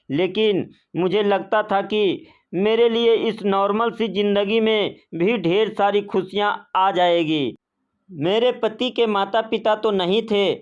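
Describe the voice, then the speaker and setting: A woman reading a first-person story as scripted narration in a slow, even, plain way. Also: mid-range voice, muffled recording.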